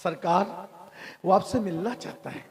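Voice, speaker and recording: A man's voice: high voice, measured pace, darkish tone, in a large hall. A man voicing a caring companion who questions a weeping stranger and then pleads on his behalf. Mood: interceding. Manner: earnest, urgent pleading on another's behalf. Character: concerned male companion, caring and earnest.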